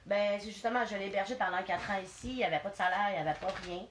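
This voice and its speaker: A woman with a Quebec French accent, a mother being interviewed, speaking hesitantly and softly. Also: mid-range voice, racing. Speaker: interview guest. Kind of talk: casual interview. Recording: echoey room, faint noise.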